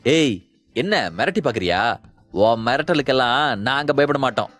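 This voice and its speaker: A man voicing a greedy, defiant middle-aged father who speaks gruffly. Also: mid-range voice, lively intonation, moderate pace, a bit bright, no echo, close to an everyday voice. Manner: gruff, threatening.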